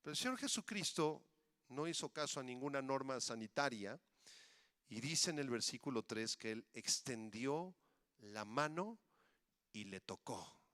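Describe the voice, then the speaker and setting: A male pastor preaching a sermon, moving between loud emphatic passages and quiet, hushed phrases. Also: medium pitch, expressive, a little slow, dry recording.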